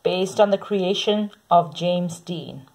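Slow, husky woman reading a picture book. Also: lowish voice. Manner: slow, sing-song read-aloud with soft repeated sounds. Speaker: storybook reader.

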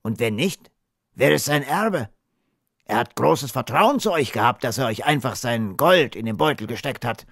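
A man's voice: medium pitch, animated, normal speed, gravelly, a bit bright, dry recording. A man voicing a worldly, teasing cowboy in an audiobook reading. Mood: wary. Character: adult cowboy, teasing and wary.

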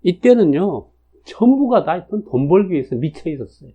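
A man in his sixties gives a casual spoken lecture on national fortune cycles, his voice high-pitched and sing-song with a breathy edge, at a moderate pace. He's chatty, using frequent fillers and tag questions, and the lo-fi recording sounds dull.

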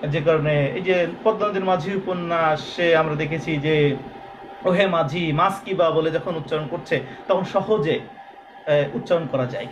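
A man from Bangladesh teaching a lesson, explaining patiently and slowly drawing out sounds as examples. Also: on the high side, background noise. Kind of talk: recorded classroom lesson.

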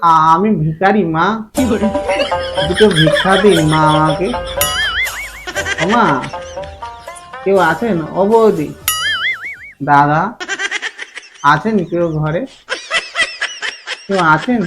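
A man playing a humble beggar who pleads for alms and gushes with gratitude in a comedy sketch. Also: high voice. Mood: pleading. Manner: slow pleading, sentimental. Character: humble male beggar, pleading and overly grateful. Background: loud background music.

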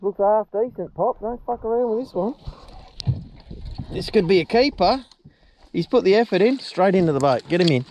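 A man's voice: high-pitched, expressive, normal speed, long pauses. A middle-aged Australian man giving blunt, casual running commentary while fishing from a small boat at sea, swearing freely and laughing easily. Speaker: fishing vlogger. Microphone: boat-mounted action camera. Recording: outdoor boat noise on camera mic.

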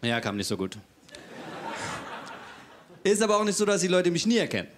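Cheeky deadpan male stand-up comedian. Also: high voice, a little fast, slight background noise. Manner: cheeky, deadpan self-mockery. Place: stage before a live audience.

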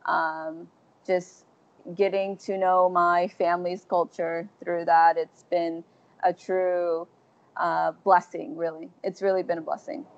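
A woman's voice: lowish voice, level tone, slow, vocal fry. A young woman from Texas in her twenties, chatting as an interview guest over a video call, with many fillers and restarts. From Texas, USA. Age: 20s. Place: large indoor gym hall. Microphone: earphone mic on video call. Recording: dull lo-fi video call audio.

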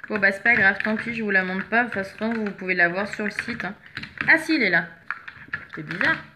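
A medium-pitched woman talks a little fast over background noise as she shows off makeup she's selling, product by product. Her style is chatty, and she periodically searches for an item she can't locate.

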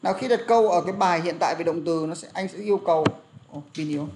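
A man's voice: on the high side, rapid-fire, darkish tone. A young man teaching an English lesson, explaining pronunciation and drilling words aloud, with frequent fillers. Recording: faint background noise and clicks.

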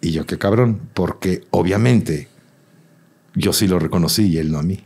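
A man's voice: low-pitched, normal speed, slightly rough. A Mexican man in his thirties, a guest telling a personal story in casual chat, acting out the voices of the people in it. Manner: animated storyteller, acts out quotes.

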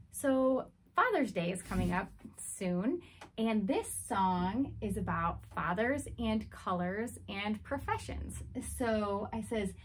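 A woman teaching Spanish words to young children, counting and singing in a slow, sing-song way. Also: mid-range voice, slight background noise. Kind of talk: children's language lesson.

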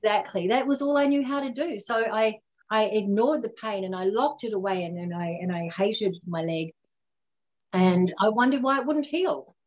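A woman appears as a guest on a radio interview, earnestly and reflectively telling her own story and slowing down on the lessons she wants to land. Her voice is mid-range, and the highs are cut off.

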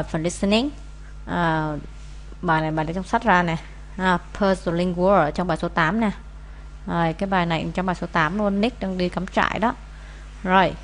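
A woman's voice: fairly low pitch, slight background noise. A woman, teaching as she explains answers to an English test, with many "à" fillers. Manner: frequent "à" fillers, steady explaining.

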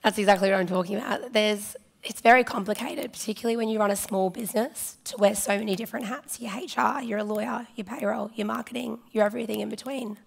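A woman with a hoarse voice that is giving out, presenting informally and chattily to a conference. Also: mid-range voice, fairly even intonation, fast talker. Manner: chatty, informal, addressing audience directly. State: hoarse, losing her voice. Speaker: conference presenter, partnerships manager. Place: large conference hall stage, indoors.

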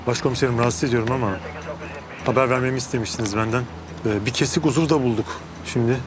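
An actor playing a respectful police officer reporting a finding by phone. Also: male voice, medium pitch, fairly even intonation, quick pace, background noise, natural voice. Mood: dutiful. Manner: dutiful, respectful. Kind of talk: TV drama acting.

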